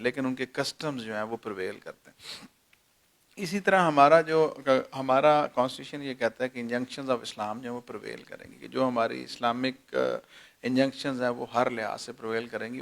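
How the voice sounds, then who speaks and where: Man, forties, senior lawyer, measured explanatory tone, mid-pitched voice. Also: creaky, fairly bright tone. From Pakistan. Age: 40s. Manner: measured, lecturing with everyday examples. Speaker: senior advocate. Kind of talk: explanatory interview answers.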